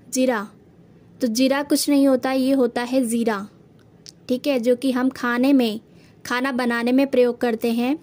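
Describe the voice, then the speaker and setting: A woman's voice: sits high, darkish tone. A woman teacher explaining correct Hindi spellings to students step by step, patiently, calling them children.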